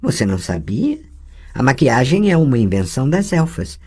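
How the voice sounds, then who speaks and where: Reader doing a patient sorceress teacher in an audiobook, soft and low, gently correcting, voice rises and dips a lot. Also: sing-song, moderate pace. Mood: tender. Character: patient adult sorceress woman, teasing teacher. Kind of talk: audiobook dialogue reading.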